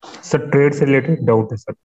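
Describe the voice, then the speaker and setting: Young guy student, mellow, polite and unsure, muffled recording. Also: mid-range voice, a little fast. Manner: polite, hesitant, says "sir" often. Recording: dull lo-fi classroom recording.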